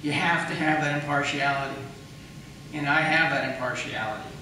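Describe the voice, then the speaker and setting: At a public debate in a big, echoey room, a male county attorney candidate rebuts his opponent, walking through his reasoning and asking questions along the way. He speaks at a moderate pace in a somewhat high, sharp voice. The recording catches room echo, a far-off mic, and slight background noise.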